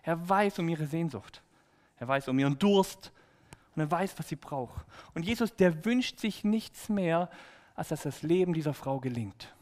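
A man giving a lively, playful children's sermon, speaking straight to the kids in a church. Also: a little high, measured pace. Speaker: preacher for children. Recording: echoey hall reverb.

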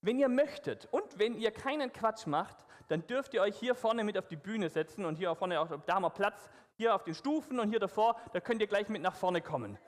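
A man's voice: sits high, animated, brisk, few pauses, long reverb tail. A man leading a church service as pastor, upbeat and coaxing as he talks the congregation through an interactive story. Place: church hall with stage.

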